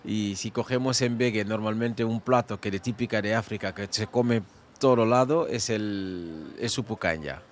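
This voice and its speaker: A man's voice: fairly low pitch, moderate pace, slight background noise. A man, a cook, answering interview questions in a hesitant way, searching for his words. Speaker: cook, guest. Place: Barcelona.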